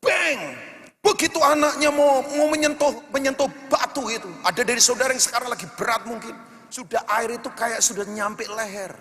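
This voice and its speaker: Male pastor, animated preacher, high bright voice, long church-hall reverb. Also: normal speed. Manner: animated, shifts between shouting and hushed storytelling. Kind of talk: sermon.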